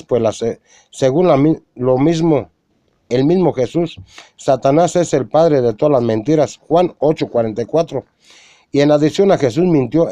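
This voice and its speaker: A man reading a religious argument aloud in a measured way, quoting scripture and citing chapter and verse. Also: medium pitch, mellow, no room sound. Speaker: religious lecturer.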